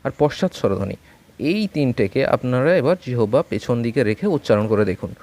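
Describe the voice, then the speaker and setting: A man teaching an online phonetics lesson from home with a Bengali accent, speaking slowly and patiently and repeating vowel sounds for learners to copy. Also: medium pitch, expressive, darkish tone. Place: home during a storm.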